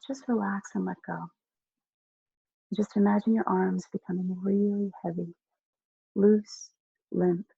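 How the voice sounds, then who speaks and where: A hypnotist guiding a listener through slow, soothing relaxation, giving soft instructions with long pauses. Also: mid-range voice, creaky, breathy edge, dry recording, dull audio. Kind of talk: guided relaxation hypnosis script.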